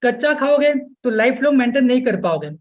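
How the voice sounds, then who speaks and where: The sound is phone quality: a very high-voiced, expressive man talks fairly quickly in a live weight-loss webinar. He weaves English into his Hindi and keeps asking listeners "okay?" while repeating "yes."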